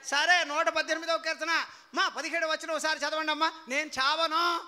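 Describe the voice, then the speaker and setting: A man preaching a sermon as pastor, quizzing his congregation in call-and-response and swinging from low storytelling to shouted praise. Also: little pitch movement, brisk. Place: church hall before a congregation.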